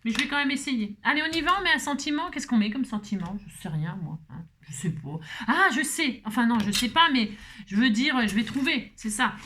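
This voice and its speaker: A woman's voice: on the high side, very animated, a little fast, sharp tone, a little hiss or hum. A woman hosting a craft tutorial, chatting playfully to herself and her viewers and breaking into song.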